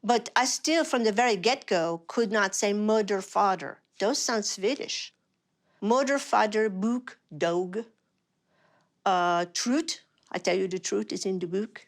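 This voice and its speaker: A woman's voice: mid-range voice, normal speed, few pauses. An American woman with a foreign-sounding, French-like accent, earnestly explaining her condition in a TV news interview. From United States. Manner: earnest, explaining carefully with repetitions.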